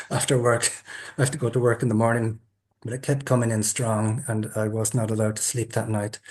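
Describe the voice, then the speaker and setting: A man's voice: medium pitch, darkish tone. Chatty man telling a story. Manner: chatty, laughs at himself. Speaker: interviewer, group host. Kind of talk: storytelling introduction.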